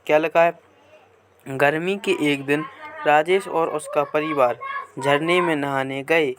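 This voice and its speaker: A man teaching a Hindi grammar lesson from a workbook, reading passages aloud slowly and answering his own questions as he goes. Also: fairly high pitch, fairly even intonation, noisy background.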